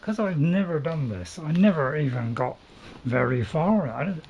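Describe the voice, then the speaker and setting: A man streaming a game in a fairly high, very animated voice. He chats casually and hesitantly, often repeating himself as he goes. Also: normal speed, dull audio, over a noisy crowd. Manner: hesitant, repetitive, chatty. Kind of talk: casual gameplay commentary.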